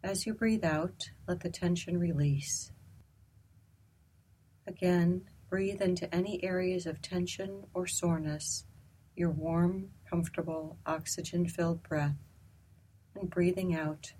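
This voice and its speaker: Low, breathy woman guiding a meditation. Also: low-quality recording. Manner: slow, soft, calm and gentle. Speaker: meditation guide. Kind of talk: guided meditation.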